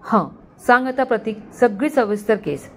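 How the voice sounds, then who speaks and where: A woman's voice: on the high side, animated, moderate pace, fairly bright tone. Woman doing a careful detective guy, gives orders, mystery story reading. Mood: confident. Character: cautious male detective officer.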